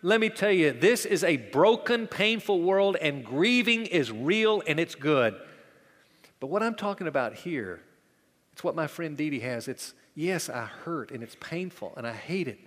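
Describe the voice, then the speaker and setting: A male pastor preaching a sermon, dramatic in delivery, rising loud and falling to a hush. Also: on the high side, very animated, measured pace, long reverb tail.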